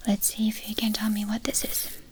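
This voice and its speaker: A woman whispering a fast, brisk ASMR whispered role-play as a medical examiner, giving short instructions and questions. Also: mid-range voice, monotone.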